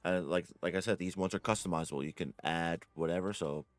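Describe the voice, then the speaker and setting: A deep-voiced man talks through a casual game tutorial in a dry, close-sounding room. He rambles, corrects himself and leans on "like" and "uh". Faint music plays behind him. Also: fast talker, dry recording. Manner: rambling, self-correcting, says "like" and "uh" often. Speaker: gaming guide creator. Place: home room.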